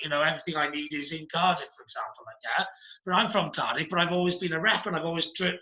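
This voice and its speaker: A man's voice: high-pitched, pushed and bright, reverberant, poor audio. A man from Wales with a South Welsh accent, chatting casually as podcast host, rambling through place names with plenty of fillers. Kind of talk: casual chat.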